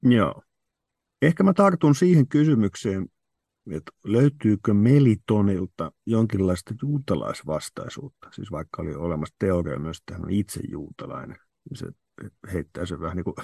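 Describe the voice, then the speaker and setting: A man's voice: sits low, lively intonation, vocal fry, mellow, husky, no room sound, clean studio sound. A man hosting a podcast discussion, thinking aloud and often repeating words as he works through a question.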